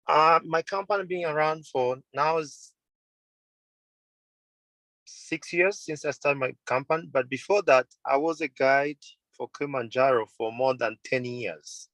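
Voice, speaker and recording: A Tanzanian mountain guide and tour company owner in his thirties answers interview questions over a video call, earnest and simple in phrasing, often repeating and correcting himself. His slightly bright voice is on the high side at a measured pace, with no room sound but poor audio.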